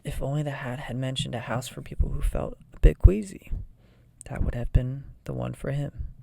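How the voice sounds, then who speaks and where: A person reading a children's fantasy novel aloud in a soft, breathy ASMR whisper. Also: medium pitch, fairly even intonation, moderate pace, dry recording. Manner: soft whisper, often voiceless.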